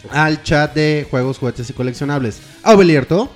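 A man's voice: on the high side, normal speed, soft background music. A man with a Mexican accent co-hosting a podcast, reading out viewer comments in slangy, teasing casual chat.

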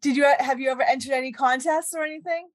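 A woman's voice: sits high, fairly even intonation, fast talker. A woman hosting a casual, chatty interview show in an effusive, enthusiastic way. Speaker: podcast host interviewer.

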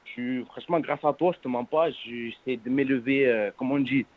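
Young French suburban man, slangy, tinny phone. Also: medium pitch. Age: 20s. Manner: earnest, halting, repeats oaths and words. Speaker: phone-in caller. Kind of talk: casual chat in French suburb street slang. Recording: narrow, tinny phone-line sound.

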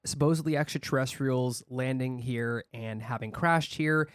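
A man's voice: medium pitch, normal speed, clean tone, no echo, clean studio sound. A man co-hosting a podcast in a casual, chatty way. He laughs often and restarts his sentences. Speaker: podcast co-host.

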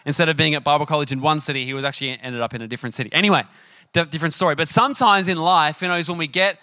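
Chatty male preacher, bright voice. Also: fairly high pitch, very fast, no room sound. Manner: chatty, animated, often asks the audience questions. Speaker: pastor. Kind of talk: sermon with personal storytelling.

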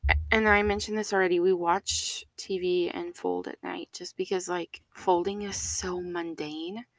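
Chatty woman with a low voice. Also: fairly even intonation, a little slow, no echo. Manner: chatty, laughing, with playful drops to a whisper. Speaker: podcast co-host. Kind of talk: casual chat.

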